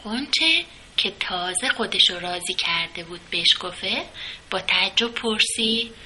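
A woman narrating a children's story in a slow, soft storybook manner. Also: mid-range voice, animated, slight background noise, poor audio.

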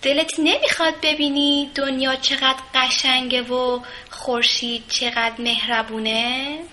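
A woman voicing a kind, motherly rose bush that gently coaxes and advises a timid bud. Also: high-pitched, flat delivery. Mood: coaxing.

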